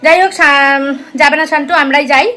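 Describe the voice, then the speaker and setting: A woman's voice: sits high, fairly even intonation, fairly quick, sharp tone, soft background music. A middle-aged woman from West Bengal with a Kolkata Bengali accent, chatting casually to her viewers in a home vlog from her kitchen, repeating herself often. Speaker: vlogger.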